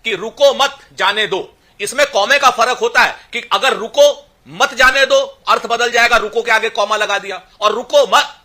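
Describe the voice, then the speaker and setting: A man's voice: very high-pitched, moderate pace, pushed and bright. A man arguing as a party spokesperson in a heated television debate, combative and pushing to be heard. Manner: combative, interrupts, pleads for a turn.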